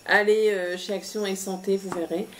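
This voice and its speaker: A woman talks through her latest shopping haul in a relaxed, unscripted way. She hesitates often, restarts sentences and fills pauses with "euh". Her voice sits at an average pitch over a faint background hiss. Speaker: vlogger presenting a shopping haul. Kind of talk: casual haul chat.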